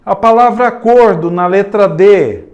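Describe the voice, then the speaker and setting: A man with a Brazilian Portuguese accent teaching an exam-prep grammar lesson, often turning to the class and saying words slowly, syllable by syllable. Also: sits high, a little mellow, muffled recording.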